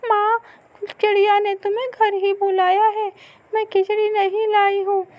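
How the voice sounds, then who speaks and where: A woman voicing a frantic young female animal in a cartoon story, shrill and panicky, repeating herself. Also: flat delivery, unhurried, lo-fi sound.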